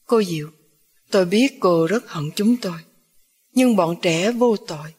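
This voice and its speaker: A woman's voice: mid-range voice, unhurried, a little mellow, breathy edge. A woman voicing a tearful old grandmother full of guilt, who sobs and pleads. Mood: pleading, remorseful. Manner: sobbing and pleading.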